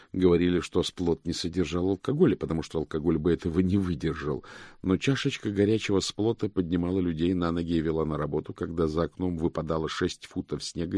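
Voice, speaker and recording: A man reading an audiobook aloud as its narrator, in a steady storytelling manner. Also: low-pitched, no room sound, studio quality.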